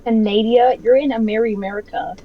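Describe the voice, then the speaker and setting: A young woman friend in a let's-play, bantering crudely and swearing in an unhurried, high voice. Her audio sounds distant and a bit dull, with faint game music behind. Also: fairly even intonation, a little hiss or hum. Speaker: co-player friend. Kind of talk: casual let's-play chat.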